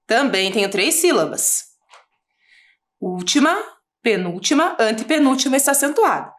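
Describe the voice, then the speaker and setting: Brazilian female teacher, patient explainer, animated and fairly high. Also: normal speed. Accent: Brazilian Portuguese. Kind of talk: video lesson for children.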